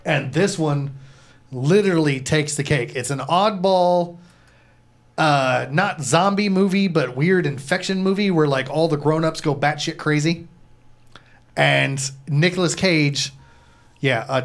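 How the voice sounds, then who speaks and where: A man's voice: fairly high pitch, measured pace. A man hosting a livestream with casual, joking, profane banter. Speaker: show host.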